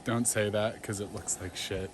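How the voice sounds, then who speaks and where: A young man bantering with dry, deadpan jokes on a road trip. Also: fairly low pitch, normal speed, distant mic, background noise. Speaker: travel companion. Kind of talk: casual banter. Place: road trip, in a car and at a campsite outdoors.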